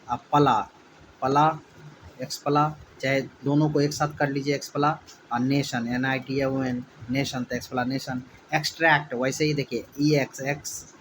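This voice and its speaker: A man teaching a spelling lesson for exam students, spelling words out letter by letter and repeating each syllable slowly. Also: medium pitch, slight background noise, low-quality recording.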